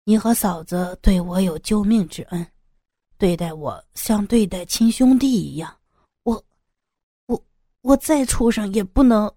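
A woman doing a loyal younger man, husky and low, brisk brotherly manner, dark mellow tone, dry sound. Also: no room sound, lightly acted. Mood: alarmed. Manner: brisk, brotherly, stammers when flustered. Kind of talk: audiobook character voice.

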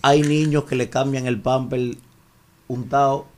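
A man's voice: medium pitch, level tone, unhurried, darkish tone. A Dominican man hosting a radio talk show, telling a teasing story in a playful way. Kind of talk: joking talk show banter.

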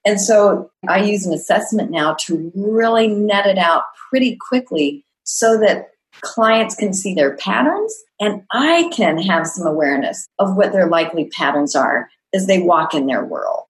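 A middle-aged woman coach speaks in an earnest, reflective way, often listing traits in a measured cadence. Her voice sits at an ordinary middle pitch for a woman. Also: lively intonation, low-quality recording. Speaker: executive coach. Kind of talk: podcast interview answers.

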